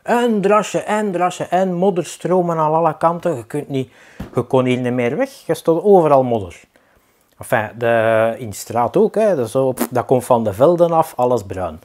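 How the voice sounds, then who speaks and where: A man from the Flemish Brabant countryside with a Flemish accent, hosting a rambling, deadpan comic monologue full of fillers. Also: on the high side, normal speed. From Pajottenland, Flemish Brabant, Belgium. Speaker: comedy vlog host.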